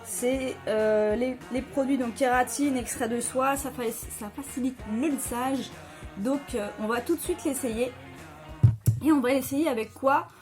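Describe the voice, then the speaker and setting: A woman's voice: sits high, unhurried, music in the background. A woman chatting casually at home as she reviews hair products, with many fillers and restarts. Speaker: beauty vlogger.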